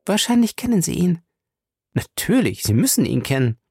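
A man's voice: high-pitched, very animated, normal speed, darkish tone, slightly rough, no echo, clean studio sound, pitched above the performer's own voice, heavily acted. A man reading an audiobook voices a married society woman who speaks in an affected, urgent way. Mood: affected, worried. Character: poised married woman, worried and a little affected. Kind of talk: audiobook character voice.

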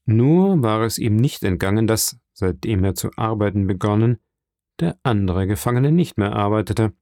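A man reading a novel aloud in measured, even scripted narration. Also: on the low side, no echo, clean studio sound. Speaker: audiobook narrator.

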